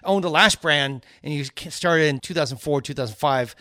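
Male podcast co-host, bright-toned and a bit high, rambling casual chat on a dry close mic. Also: moderate pace, no echo. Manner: rambling, conversational, upbeat.

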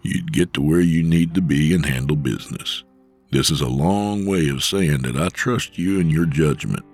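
Guy doing a huge gruff santa type, super deep and gravelly, slow steady talk, faint music under it. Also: full character voice. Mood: earnest. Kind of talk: audio drama.

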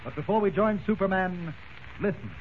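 A man announcing in a booming, declamatory manner, heard as an old radio show broadcast. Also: normal speed. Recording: dull lo-fi old radio recording with faint hiss.

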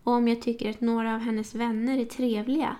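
A woman voicing Sara, a young woman who is earnest and quick to bristle, in an audiobook. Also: fairly high pitch, little pitch movement, mellow, lightly acted. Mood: confiding.

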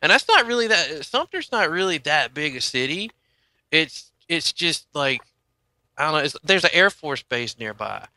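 A man's voice: fairly high pitch, very animated, moderate pace, sharp tone, no room sound. A man telling a casual story as a podcast guest, rambling through many asides.

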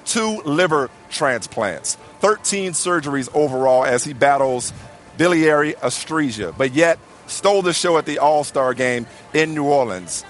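A man's voice: a little high, expressive, measured pace, slight background noise. A man hosting a live sports show from a red carpet with gushing, hyped-up chatter about the guests.

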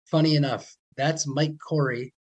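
A man's voice: fairly high pitch, fairly even intonation, moderate pace, a little mellow, husky, low-quality recording. Chatty male podcast host. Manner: friendly, chatty, repeats words when starting. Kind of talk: casual podcast conversation.

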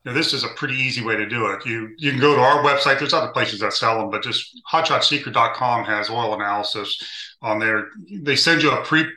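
A man's voice: medium pitch, brisk, bright, forceful tone, echoey room, rough recording. A man appearing as a guest on a car podcast, giving plain, practical explanations. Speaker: guest, additive company founder. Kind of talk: casual podcast interview.

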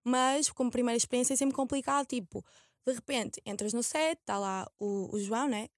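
A young woman with a European Portuguese accent and a fairly high voice, recorded dry and close. She talks as a guest in a casual chat, informal and slangy, dropping in English words. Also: brisk, no room sound. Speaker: guest, actress.

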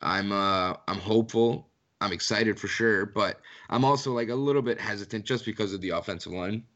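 A man's voice: on the low side, a little fast, a bit bright, lo-fi sound. A young man from Canada, a podcast guest, talking loosely and rambling with lots of "like" in casual chat. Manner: loose, rambling, heavy use of "like".

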